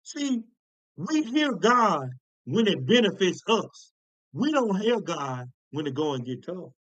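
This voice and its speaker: A man preaching a sermon in a folksy, emphatic way, repeating phrases and slowing down to stress key words. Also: sits high, big pitch swings, fairly bright tone, no room sound, dull audio.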